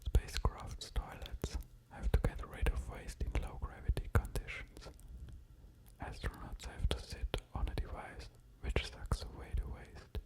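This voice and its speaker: A man doing whispered ASMR in a soft unvoiced whisper, close to an ear-to-ear microphone, musing in a hesitant way. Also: poor audio. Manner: slow, hesitant delivery with musing asides. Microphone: close-up stereo ear-to-ear microphone.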